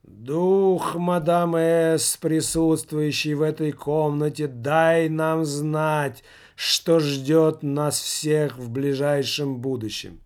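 Man reading as a male séance medium, monotone incantation, commanding, very slow. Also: fairly high pitch, clean tone. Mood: droning. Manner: droning, monotone, detached incantation. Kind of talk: audiobook character voice.

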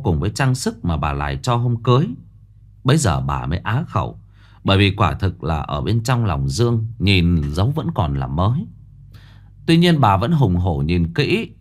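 A man narrating a ghost story in a lively, expressive storytelling manner. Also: fairly low pitch.

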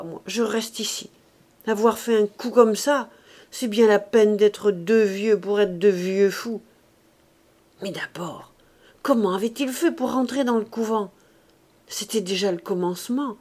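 A woman reading the part of an old rustic gardener, frantic and despairing, talking loudly to himself in old country speech. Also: mid-range voice, natural voice. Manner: loud agitated monologue in old rustic speech.

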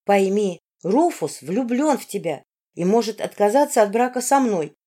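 A woman's voice: medium pitch, lively intonation, moderate pace, dark tone, lightly acted. A woman reading an audiobook, voicing a manipulative young princess who scolds and coaxes. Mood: coaxing. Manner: reproachful, coaxing. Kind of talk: audiobook character voice.

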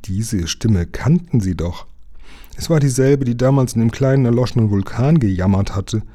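A man reading a children's book aloud in a calm, even storytelling manner. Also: mid-range voice, normal speed. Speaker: reader.

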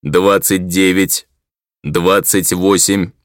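A man's voice: low-pitched, level tone, no echo, studio quality. A man putting on a harsh metallic machine voice. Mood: mechanical. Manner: slow, measured, mechanical delivery. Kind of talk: audiobook narration.

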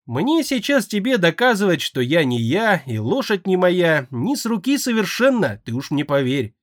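A man's voice: high-pitched, big pitch swings, moderate pace, no echo, voice pushed up. A man voicing a hardened male necromancer who speaks in a dry, sardonic, reasoning way, in an audiobook. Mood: wry.

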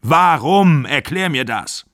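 A man's voice: mid-range voice, animated, normal speed, dry recording, clean studio sound, close to an everyday voice. A man voicing a furious aging actor. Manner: shouting, bitter, pleading.

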